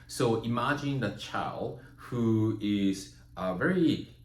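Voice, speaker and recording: A man from Japan whose first language is Japanese, giving a measured, reflective spiritual teaching talk and often checking in with "right?" and "you know". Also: lowish voice. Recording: roomy echo.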